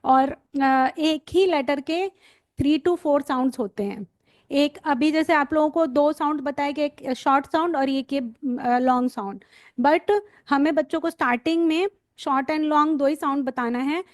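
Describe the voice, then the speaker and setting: A woman's voice: high voice, no echo, studio quality. A woman teaching phonics to parents and teachers, stretching out letter sounds and repeating them for her listeners to copy. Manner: slow, drawn-out letter sounds with repetition. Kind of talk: explanatory lesson for parents and teachers.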